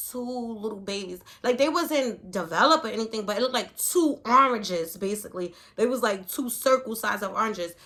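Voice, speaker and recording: Pregnant woman vlogging, bright clear voice, rambly and animated, says like a lot. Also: mid-range voice. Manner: animated and rambling, leaning heavily on "like". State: pregnant, with hiccups and heartburn. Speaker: vlogger telling her pregnancy story. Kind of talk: casual storytelling to camera.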